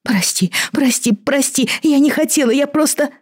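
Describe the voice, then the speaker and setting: A woman voicing a frightened young girl who has grown horns, sobbing and pleading in a high, strained voice. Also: moderate pace, dark tone, husky, no echo, studio quality, natural voice. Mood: distraught. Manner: sobbing, pleading, rising to shrieks.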